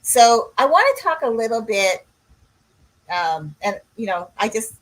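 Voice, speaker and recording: A woman's voice: on the high side, sing-song, unhurried, fairly bright tone, low-quality recording. A woman, a coach co-hosting a podcast in casual chat, rambling and drifting off on tangents. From Canada. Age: 60s.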